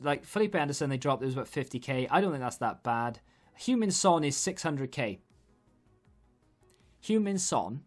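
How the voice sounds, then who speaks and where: A man giving casual, rambling video game commentary, thinking aloud in a conversational way as he hosts. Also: medium pitch. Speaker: gaming video host. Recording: background music. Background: music under the voice.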